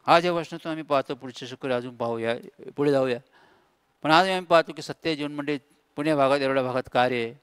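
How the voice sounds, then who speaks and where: Man, pastor, emphatic repetitive sermon, middle pitch, dry recording. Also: fast, smooth, no echo. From India. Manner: repetitive, emphatic preaching with lists and rhetorical calls.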